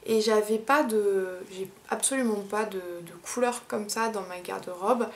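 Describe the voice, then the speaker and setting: A young woman chatting casually in a haul vlog, unhurried, with many fillers. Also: medium pitch. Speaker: beauty vlogger.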